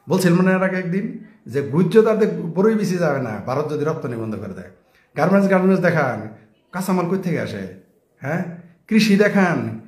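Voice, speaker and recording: A man's voice: a little high, echoey room. A man giving a casual, mocking political monologue full of rhetorical questions. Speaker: political commentator.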